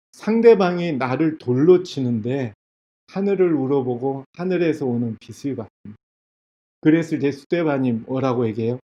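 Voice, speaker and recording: A man's voice: mid-range voice, warm tone, muffled recording. An older man, a church elder, giving a sermon lecture. He retells a film story, keeps asking the audience questions and acts out the voices in it.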